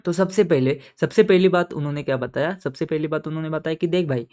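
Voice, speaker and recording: A man teaching audit in a casual, playful lecture, chatting with students and slowly repeating key terms. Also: a little high, darkish tone. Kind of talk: casual Hindi-English lecture.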